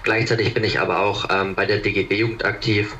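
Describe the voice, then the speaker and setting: A young man of twenty, a student guest on the radio, casual and halting with fillers. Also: fairly low pitch, little pitch movement, sharp tone, slight background noise. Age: young adult.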